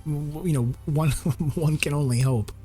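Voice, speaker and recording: A man's voice: fairly high pitch, measured pace, dark tone, soft background music. Hesitant man role-playing a tabletop game. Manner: hesitant, with many ums. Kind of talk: in-character tabletop role-play.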